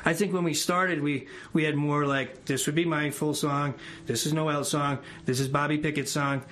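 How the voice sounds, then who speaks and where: A musician guest, a bass player and songwriter, sits in a radio studio for a casual interview and explains things in a rambling way. His voice is fairly high with a steady, slightly bright tone at a moderate pace.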